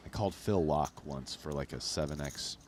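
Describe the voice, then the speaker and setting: A man with an extremely deep voice gives casual poker analysis. He talks conversationally, in loose, hedged phrases. There is clear background noise and ambience around him. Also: moderate pace. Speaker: professional poker player, guest commentator.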